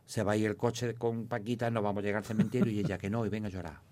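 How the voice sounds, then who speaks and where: A rapid-fire man spinning comic family stories. He talks fast and keeps jumping up in pitch to act out the people in them. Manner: animated storytelling, acting out his mother in a high voice. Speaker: comic actor, guest. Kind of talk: casual anecdotes in an interview.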